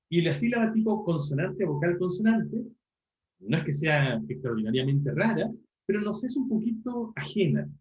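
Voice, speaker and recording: A man's voice: on the high side, warm tone, reverberant, dull audio. A man, teaching an online class and explaining step by step, often repeating words as he thinks. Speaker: university language teacher.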